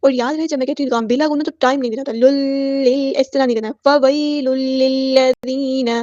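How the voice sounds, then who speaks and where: Woman, tajweed teacher, patient, step by step, warm low-brightness tone, dry muffled sound. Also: no room sound. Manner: patient, explains each rule step by step; drawn-out melodic recitation of verses. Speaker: Quran recitation teacher. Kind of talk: tajweed lesson with slow recitation.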